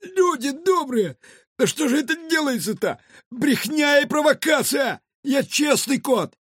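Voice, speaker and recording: A man's voice: extremely high pitch, lively intonation, a bit bright, no room sound, studio quality, pitched above the performer's own voice, heavily acted. A man reading a children's audiobook, voicing a whiny, indignant male street cat who is a petty thief. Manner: squealing, indignant, fast protests. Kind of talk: audiobook character voice.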